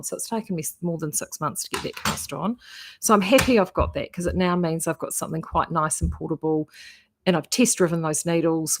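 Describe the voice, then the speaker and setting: A woman with a broad New Zealand accent chatting casually to viewers in a rambling, self-interrupting way as host of a craft vlog. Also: on the low side. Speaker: knitting vlogger and yarn shop host. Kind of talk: casual chat to live viewers.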